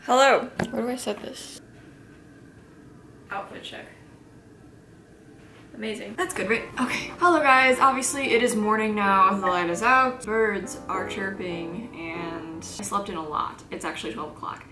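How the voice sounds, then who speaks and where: A woman's voice: mid-range voice, unhurried, over music, rough recording. A woman with a Midwestern accent, congested, chatting casually in a travel vlog and rambling with lots of fillers while filming herself on a phone. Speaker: travel vlogger. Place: car and around town.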